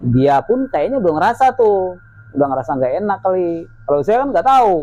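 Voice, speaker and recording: As a guest in casual chat, a man with a high voice recounts a spooky personal story fairly quickly and vividly, acting out the voices of the people in it. There's no room sound, and the recording is dull and lo-fi with faint noise.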